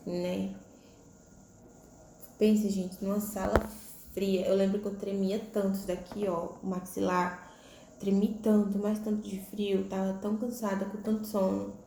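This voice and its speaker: Young woman, personal vlog story, flat steady delivery in an echoey room. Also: medium pitch, vocal fry, a little hiss or hum. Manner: conversational, frequent "né?" tag questions. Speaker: vlogger.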